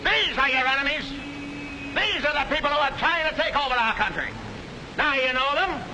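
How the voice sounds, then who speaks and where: An actor in a 1940s film playing a fiery, hectoring street-corner agitator, on a noisy old soundtrack. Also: male voice, very high voice, animated, moderate pace. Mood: ranting. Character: ranting bigoted male rabble-rouser, middle-aged.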